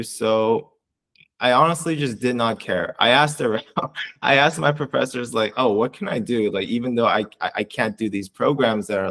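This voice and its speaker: This interview features a young Canadian research coordinator whose loose, rambling answers are full of false starts and fillers. His voice is on the low side.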